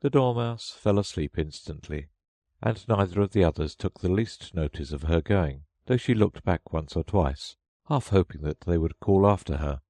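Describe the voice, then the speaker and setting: A man narrating a children's audiobook in a gentle, expressive storybook read. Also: low voice, moderate pace, no echo.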